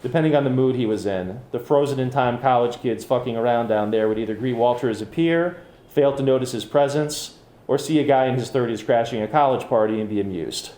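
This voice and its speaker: A man reads his own fiction aloud at a bookcafe event, keeping an even, measured storytelling pace. His tone is mellow and relaxed. The room adds a roomy echo. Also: medium pitch. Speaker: author reading his fiction. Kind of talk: public fiction reading.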